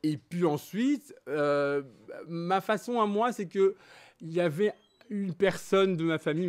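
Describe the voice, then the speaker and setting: A man born in Belgium and raised in Congo, telling his own story as a guest in a candid interview, talking in an animated, emphatic way. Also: a little high, clean tone. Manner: animated, emphatic, switching between French and Lingala.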